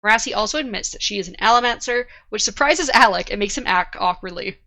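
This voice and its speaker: A woman's voice: medium pitch, lively intonation, quick pace, sharp tone. A woman in her thirties hosting a casual book club podcast, laughing often and swearing now and then. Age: 30s. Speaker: podcast host.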